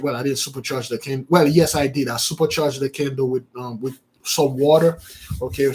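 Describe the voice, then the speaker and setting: With a mid-range voice, a man who is a spiritual teacher speaks informally to his followers, animatedly repeating words and calling out to those listening.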